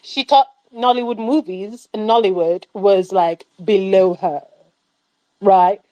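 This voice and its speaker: A woman's voice: medium pitch, fairly even intonation, slow pace, warm tone, lo-fi sound. A woman on a film club panel, ranting animatedly about a movie with rhetorical questions. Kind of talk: casual film critique chat.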